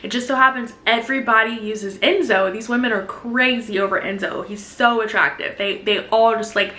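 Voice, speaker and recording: A chatty young woman recapping a thriller novel casually, lively and quick to jump into the characters' voices. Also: on the high side, roomy sound. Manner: chatty and animated, jumps into quoted voices. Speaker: book reviewer.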